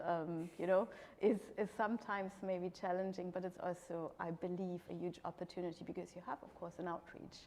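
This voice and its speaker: A woman's voice: lowish voice, dark tone. A woman moderating a panel discussion, speaking hesitantly with many "um"s. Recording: long hall reverb, faint background noise.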